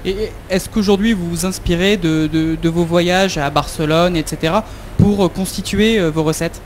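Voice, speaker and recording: A man with a fairly high voice asks questions as an interviewer. He pauses on fillers and restarts his sentences, and faint noise sits behind him. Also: fairly even intonation.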